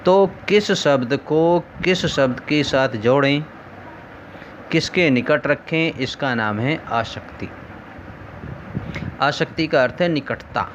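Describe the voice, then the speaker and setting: A man's voice: mid-range voice, a little hiss or hum. A man teaching a lesson, explaining things step by step and asking rhetorical questions along the way. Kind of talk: recorded lesson. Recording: dull lo-fi recording.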